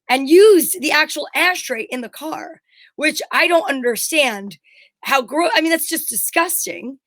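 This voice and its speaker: A middle-aged woman co-hosting a talk show chats casually, telling stories in a blunt, candid, rambling way. Her voice sits high and a bit bright, and the recording is dry.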